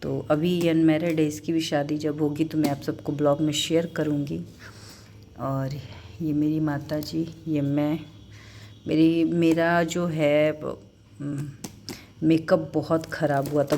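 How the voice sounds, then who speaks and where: A young woman vlogger talking casually and emotionally as she shows wedding photos, speaking softly and haltingly at home. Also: low voice, flat delivery, slight background noise. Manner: soft-spoken, halting and emotional. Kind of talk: casual vlog chat showing a wedding album.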